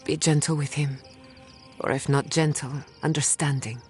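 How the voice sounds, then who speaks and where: An actress playing a determined adventurer companion in a fantasy video game, speaking in a measured, resolute way. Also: female voice, low voice, fairly even intonation, faint music behind, close to an everyday voice.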